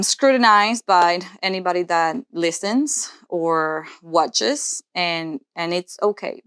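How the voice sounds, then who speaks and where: A Cuban-born nurse practitioner in her twenties co-hosts a podcast, thinking aloud in an earnest yet casual way. Her voice is on the low side, a bit bright and smooth, in a dry, clean studio recording.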